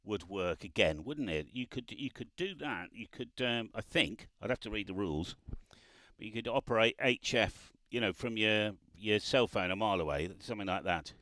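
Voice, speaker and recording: A man's voice: lowish voice, normal speed, pushed and bright, no echo. A man chatting on amateur radio, laughing often and spelling out call signs. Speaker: ham radio operator. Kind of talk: casual radio chat. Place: parked car by the road, remote radio.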